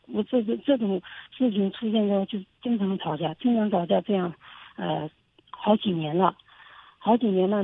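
A woman's voice: medium pitch, slightly rough, no echo. A woman calling in to an advice show, speaking hesitantly and often repeating herself. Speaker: caller. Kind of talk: call-in advice talk. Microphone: phone. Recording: phone line.

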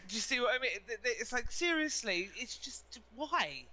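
Chatty British woman, bright voice. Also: on the high side, expressive, moderate pace, poor audio. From United Kingdom. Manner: chatty, laughs often, rambles. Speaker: co-host. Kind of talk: casual chat.

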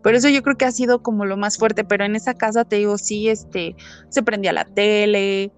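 A woman with a Mexican accent, telling a ghost story in a relaxed, chatty way, with many fillers, acting out what people said. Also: mid-range voice, brisk, clear, resonant tone, soft background music. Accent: Mexican Spanish. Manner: animated, many fillers, acts out quotes. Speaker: guest telling ghost stories. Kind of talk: casual storytelling chat.

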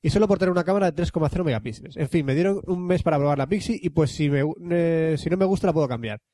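A man co-hosting a casual podcast, joking, teasing and quick to laugh as he reads listener emails. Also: a little high, mellow, dry recording.

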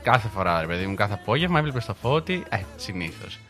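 A man's voice: fairly low pitch, very animated, a bit bright, faint music behind. A young man hosting a radio show from the studio, talking loosely and rambling with lots of restarts. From Greece. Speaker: radio host. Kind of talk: casual chat.

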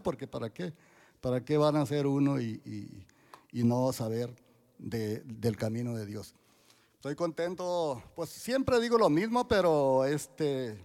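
An older man in his sixties speaks with a gravelly, creaky edge. His pitch sits somewhat high for a man, and he gives a church testimony haltingly, with frequent restarts and fillers. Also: darkish tone. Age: 60s. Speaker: church member giving testimony.

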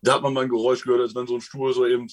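A man in a casual interview, telling his own experiences in a rambling, colloquial way and often tagging sentences with a quick question. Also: mid-range voice, flat delivery. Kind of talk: casual storytelling.

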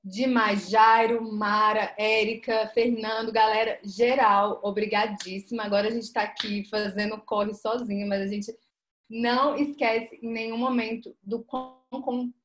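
A woman's voice: medium pitch, a little hiss or hum. A young Brazilian woman co-hosting a podcast, chatting informally and emphatically in an echoey, roomy recording. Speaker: podcast co-host. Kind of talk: casual chat.

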